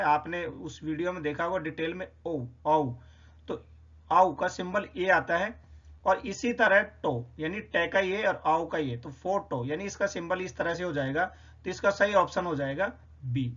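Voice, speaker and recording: A man explains a phonetics quiz, working through each answer step by step. His voice sits fairly high, and he says each sound over slowly. The recording is slightly dull and lo-fi. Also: sharp tone. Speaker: English teacher.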